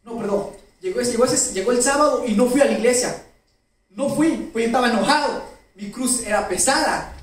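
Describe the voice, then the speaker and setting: A male pastor preaches in church, emotionally telling a personal story and questioning the congregation; he calls himself a crier. His voice is extremely high and fairly quick, heard through a far-off mic in a very echoey hall with faint noise.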